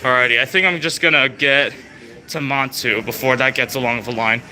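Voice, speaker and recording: Out of breath and chatty, a young man rambles through a live theme park walkthrough filmed on his handheld phone, dropping plenty of fillers. He speaks briskly in a steady, medium-pitched voice, and loud park music blares around the outdoor livestream.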